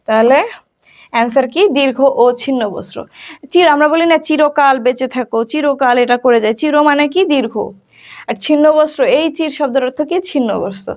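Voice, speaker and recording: High-voiced woman quizzing through revision. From Bangladesh. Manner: quizzing, asks then answers her own questions. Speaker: teacher. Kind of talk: exam revision lesson.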